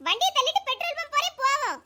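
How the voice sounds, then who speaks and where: In a village comedy sketch, a young Tamil village woman, squeaky and quick-tempered, grumbles in a chipmunk-high voice that's sing-song, racing, bright and forceful. Her exaggerated delivery is all bickering and teasing banter, over hissy background noise.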